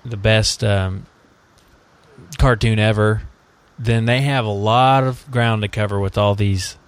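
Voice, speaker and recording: A man's voice: lowish voice, animated, slow, pauses often. A man hosting a casual podcast chat, rambling and joking, often laughing mid-sentence. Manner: rambling, jokey, laughs a lot. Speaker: host.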